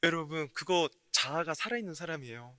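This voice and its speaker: A man preaching a sermon as pastor, telling a story to the congregation and rising to loud exhortation. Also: on the high side, lively intonation, brisk, dry recording, studio quality. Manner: storytelling, addresses listeners directly, rises to loud emphatic exhortation. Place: church.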